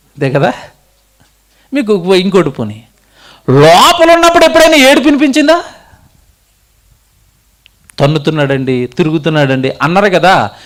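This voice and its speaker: A man preaching a sermon, asking the congregation questions and answering them himself. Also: fairly high pitch.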